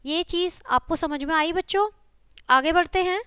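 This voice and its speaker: A woman teaching a children's lesson, patient and checking often that the children follow, spelling out sounds slowly one by one. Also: very high-pitched, sharp tone, no room sound, clean studio sound. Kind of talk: classroom video lesson for children.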